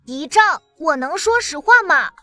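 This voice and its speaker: A cheeky little boy about to start kindergarten, voiced by a woman in a cartoon drama. His voice is very high and leaps all over, with a chatty, blunt, childlike way of talking. Soft music plays behind him. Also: expressive, a little slow, no echo, heavily acted. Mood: chirpy. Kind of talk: animated drama dialogue.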